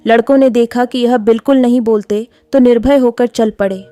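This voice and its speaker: Mellow-voiced woman narrating a story. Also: a little high, dry recording. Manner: steady, measured reading. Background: soft background music.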